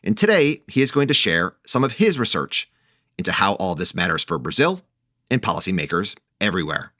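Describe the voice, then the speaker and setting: A man hosting an economics podcast, introducing the topic and his guest in a clear, measured, emphatic way. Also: sits low, sing-song, pushed and bright, dry recording, studio quality. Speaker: podcast host. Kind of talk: scripted podcast narration and interviewing.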